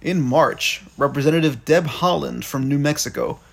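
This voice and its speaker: A man's voice: on the high side, normal speed, gravelly, fairly bright tone, breathy edge. A man co-hosting an informal chat, reading out items and commenting in slangy, loose language. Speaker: podcast co-host.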